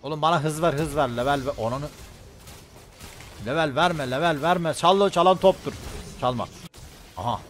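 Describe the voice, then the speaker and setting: A young man streaming a game, loud and excitable, swearing and yelling at his teammates. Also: a little high, normal speed, long pauses, slight background noise. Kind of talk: live gaming commentary.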